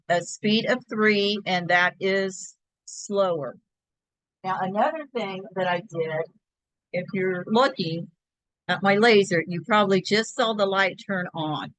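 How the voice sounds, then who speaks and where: A woman's voice: mid-range voice, a little slow, a bit bright, dry recording, rough recording. A woman hosting a crafting tutorial, talking step by step through a screen-share in a chatty, think-aloud way.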